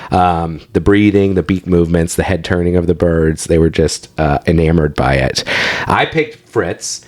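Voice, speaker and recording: A man's voice: sits low, normal speed, a little mellow. A man co-hosting a podcast in casual chat, enthusiastic and chatty as he shares trivia. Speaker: podcast co-host.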